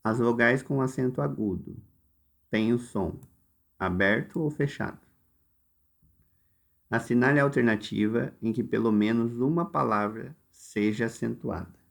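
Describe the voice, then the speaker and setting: A man with a Brazilian Portuguese accent teaching a recorded lesson, explaining exercises slowly and step by step, directly addressing his students. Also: medium pitch, creaky. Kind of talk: recorded lesson walking through workbook exercises.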